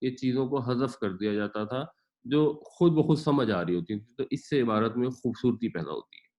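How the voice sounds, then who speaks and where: A man's voice: mid-range voice, a little mellow. A man teaching a Quran class, patiently explaining grammar and pronunciation with everyday examples. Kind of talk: explanatory lecture.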